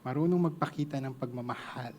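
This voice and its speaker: A man's voice: medium pitch, brisk, a little mellow. A man with a Filipino accent preaching a sermon to a congregation, mixing two languages and joking with the listeners.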